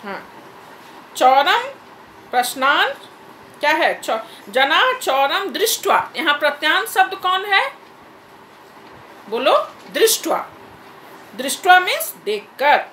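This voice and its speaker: A woman's voice: high voice, very animated, slow, long pauses, sharp tone, roomy sound, a little hiss or hum, rough recording. A woman teacher leading an online class over a video call, patiently repeating corrections and calling on students by name.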